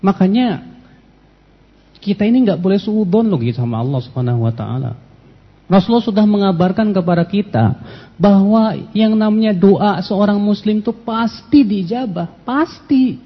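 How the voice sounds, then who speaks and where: Husky high-voiced male preacher in a hall. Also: animated, moderate pace. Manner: addresses listeners as "Pak", acts out prayers and dialogues. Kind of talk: casual Islamic sermon. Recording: muffled sound with long hall reverb.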